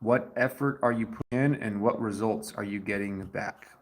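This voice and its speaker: Dirty after a day of work, a man hosts a casual livestream from his garage, greeting chatters by name and talking loosely about effort. His voice is lowish and he speaks at normal speed.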